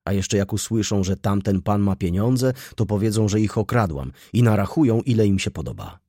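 A man's voice: lowish voice, lively intonation, a little fast, warm tone, no room sound, studio quality, pitched above the performer's own voice. A man voicing a brash, mocking poor young girl. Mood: brash, chatty. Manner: pert, mocking, argumentative. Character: cynical poor 19-year-old girl, brash.

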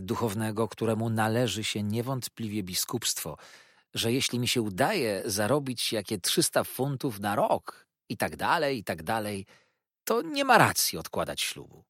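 Man doing cheerful young lawyer, effusive, rambling, husky voice, dry close sound. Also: fairly low pitch, fairly bright tone, no room sound. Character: cheerful young male lawyer, gushing newlywed.

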